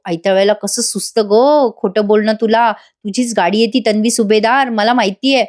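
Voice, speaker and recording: A woman voicing a young man who is secretly outwitting a liar, calm and knowing. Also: mid-range voice, normal speed, lightly acted.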